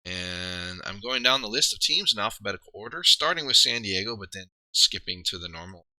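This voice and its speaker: A man on a live stream, chatting in a loose, rambling way and laughing at his own slips. His voice is very bright and forceful and a bit low for a man. It is recorded dry and close, with no room sound. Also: lively intonation, brisk, no room sound. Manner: rambling, self-deprecating, trails off and restarts. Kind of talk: casual live-stream commentary.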